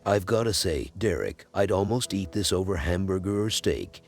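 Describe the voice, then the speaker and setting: An easygoing young guy on a camping trip, as a narrator reads his lines in a storybook horror tale. The voice is very deep with a gravelly edge and a lively lilt, and soft music plays underneath. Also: moderate pace. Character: friendly young male camper, easygoing.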